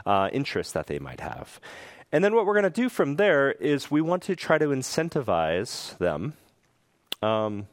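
A man giving a public talk, explaining step by step and checking in with "okay?", now and then acting out parents and children in a sudden high voice. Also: no echo. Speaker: speaker giving a research talk.

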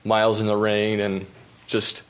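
Speaking in a clear, resonant, slightly low voice, a young man from the US tells stories of his bike races during a slide talk. He's easygoing as a pro cyclist presenter, using lots of ums and uhs and chuckling at his misfortunes.

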